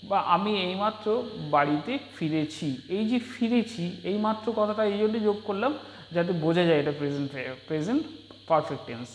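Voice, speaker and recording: A man teaching a spoken English lesson in Bengali, patiently repeating example sentences in slow drills. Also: sits high, slight background noise. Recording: echoey room with long reverb.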